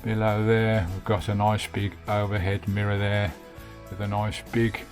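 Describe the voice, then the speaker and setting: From inside a campervan, a British vanlife vlogger from the UK gives casual, hands-on commentary, touring and fitting out the van in a chatty, matey style full of British slang. His voice is lowish, a little mellow and monotone, at a normal speed, with faint music behind.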